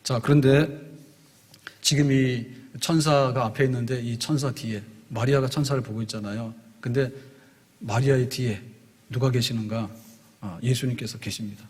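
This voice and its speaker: A man's voice: mid-range voice, fairly even intonation, normal speed, darkish tone, breathy edge, in a large hall. A man preaching a sermon as pastor, explaining in short spoken phrases and rising in force on key words.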